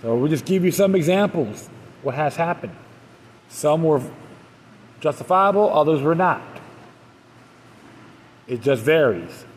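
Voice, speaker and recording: Guy doing a solo podcast, reads articles then rambles a bit, kinda high voice, lots of reverb. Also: expressive, unhurried, long pauses, a little hiss or hum. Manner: plain reading, loose asides with stumbles and restarts. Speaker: podcast host. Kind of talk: solo podcast, reading articles aloud then casual commentary.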